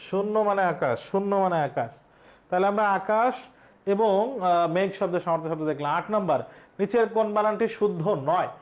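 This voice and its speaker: A man's voice: sits high, fairly quick. A male teacher, explaining exam questions step by step and quizzing his students. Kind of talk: exam-prep lesson.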